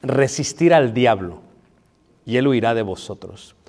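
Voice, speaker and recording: A man's voice: mid-range voice, expressive, a little slow, gravelly, a little mellow. A man preaching a marriage sermon, conversational and playful, asking the audience questions. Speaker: pastor. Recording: long reverb of a hall.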